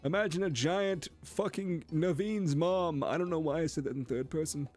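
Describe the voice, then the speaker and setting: A grumpy, whiny young guy, voiced by a man who complains and stumbles over his words. His voice sits high above a normal man's range. Faint music plays behind him. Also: normal speed, darkish tone, lightly acted. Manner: whiny, stammering restarts, swears.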